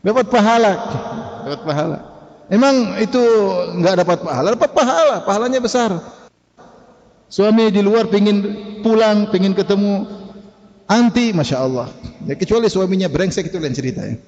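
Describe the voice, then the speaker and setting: A man's voice: high-pitched, animated, moderate pace, pauses often, darkish tone. A male preacher giving a conversational sermon, questioning the audience and laughing now and then. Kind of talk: sermon lecture. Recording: dull reverberant hall recording.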